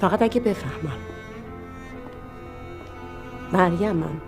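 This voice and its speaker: A woman's voice: fairly low pitch, lively intonation, music in the background. An actress playing a middle-aged widow and mother of two who pleads and accuses. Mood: threatening. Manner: pleading, then bitter and accusing. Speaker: widow confronting her husband's associates. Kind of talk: TV drama acting.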